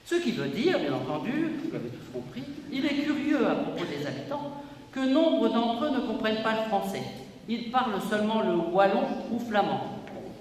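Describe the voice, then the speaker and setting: A man's voice: sits high, big pitch swings, moderate pace. A man, president of a local history society, giving a formal inauguration speech with emphatic, declamatory delivery in an exhibition hall. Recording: echoey hall, voice from a distance, faint room noise.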